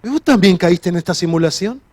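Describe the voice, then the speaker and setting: A man delivers a sermon in a high voice. He is earnest, often restarts a sentence and repeats key phrases. The sound is dry and close. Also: expressive, fairly quick, a little mellow, dry recording. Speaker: pastor.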